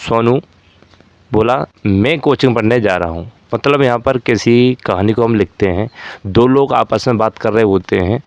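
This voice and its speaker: A man's voice: medium pitch, smooth, no room sound. A man teaching a Hindi grammar lesson for exam preparation, explaining step by step with repeated examples.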